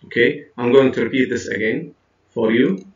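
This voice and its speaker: A man's voice: medium pitch, slow, recorded from a distance. A man teaching an English lesson, explaining in a mix of Arabic and English and counting his students in. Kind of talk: recorded classroom lesson. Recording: dull, roomy sound from off-mic.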